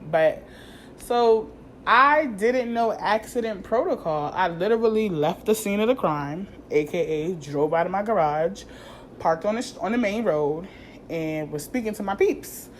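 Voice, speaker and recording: A woman in her thirties telling a casual, profane story in a vlog, animated and slangy, acting out what people said to her. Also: mid-range voice, unhurried, a little hiss or hum. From New York. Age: 30s. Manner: animated, profane, slangy, acts out quoted dialogue. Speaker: vlogger.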